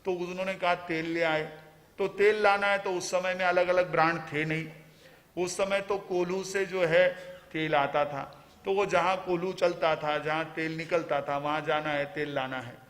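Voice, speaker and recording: Brief: male Jain monk preaching, high voice, hesitant storytelling, long hall reverb. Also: steady tone, a bit bright. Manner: slow storytelling with frequent "आ" pauses. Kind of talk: storytelling sermon.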